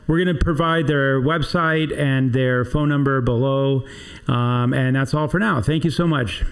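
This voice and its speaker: A man hosts a casual podcast interview, his voice carrying a gravelly edge. He talks in loose, rambling sentences, restarting often as he chats with his guest. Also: mid-range voice, fairly even intonation, measured pace. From Southern California. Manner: chatty, rambling, many restarts. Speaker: podcast host for a trade association.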